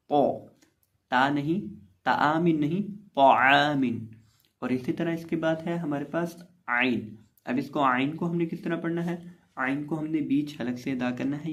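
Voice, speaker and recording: A man teaching a recorded Quran reading lesson, patiently explaining tajweed rules and spelling out letters before reciting words slowly and drawn out. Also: on the high side, darkish tone.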